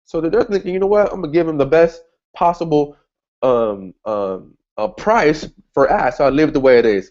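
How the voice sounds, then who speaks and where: A man whose first language is English teaches online marketing in a casual screen-share, narrating his clicks through an ad setup with frequent restarts and upbeat asides. His voice is on the high side and a little mellow. The recording is muffled.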